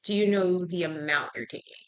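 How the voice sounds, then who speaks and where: This woman's voice is fairly low and fairly quick. She's a health professional taking a patient history in a clinical intake interview, chatting as she checks and repeats the answers back.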